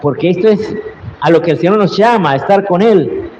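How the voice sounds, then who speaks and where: A priest preaching a slow, earnest Sunday homily, his voice rising into cried-out prayers, recorded in a large church. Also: sits high, darkish tone, highs cut off, slight background noise. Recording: roomy church reverb with faint ambience.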